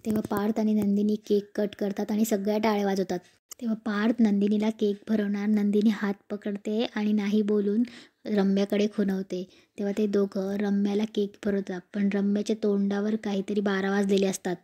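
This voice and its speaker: A woman's voice: mid-range voice, completely flat delivery, moderate pace, dark tone, breathy edge. A woman retelling a TV serial episode and reading out every character's lines in her own voice. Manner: plainly recounts each scene, reading out every character's lines herself. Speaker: serial recap narrator.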